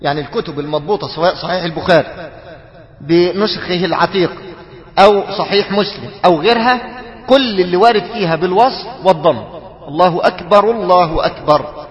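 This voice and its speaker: A sheikh with an Egyptian accent teaches his students, moving between formal Arabic and everyday speech. He asks them questions and draws out their answers, and he slows down to chant each phrase when demonstrating it. His voice sits high, and it carries a long echo, as if recorded in a large hall. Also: highs cut off. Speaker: sheikh teaching a study circle. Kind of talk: Egyptian-colloquial lecture mixed with formal Arabic.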